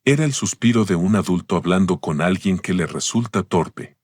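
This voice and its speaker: A man narrates a family drama in a calm, measured way. His voice is very low and steady. The recording is dry, with no room sound. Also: slightly rough, dry recording. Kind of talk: scripted story narration.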